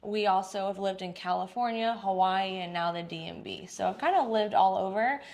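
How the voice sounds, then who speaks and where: In a casual interview, a Dallas-Fort Worth salon owner in her thirties chats cheerfully, sprinkling in plenty of fillers. Her medium-pitched voice is a little mellow, and she speaks at a moderate pace.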